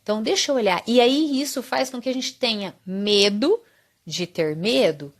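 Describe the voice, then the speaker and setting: A woman's voice: on the high side, animated, brisk. A woman hosting a live psychology talk, explaining patiently and often checking in with the viewers. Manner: explanatory, often adds tag question 'né'. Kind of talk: live stream talk answering viewer comments.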